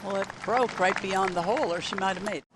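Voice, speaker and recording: A male golf commentator offers conversational analysis of shots and greens. His pitch is notably high for a man, and heavy outdoor background noise surrounds the voice. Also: fast talker, over a noisy crowd.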